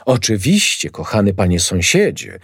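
A man voicing an excitable, nosy female neighbour who gushes and fusses over everything. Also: fairly low pitch, normal speed, breathy edge, no room sound, studio quality, full character voice. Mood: excited. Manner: gushing, excitable.

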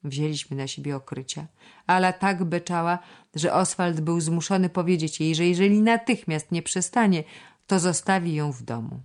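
Woman audiobook narrator, deep low voice, measured storytelling pace. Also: darkish tone. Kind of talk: scripted narration of a children's novel.

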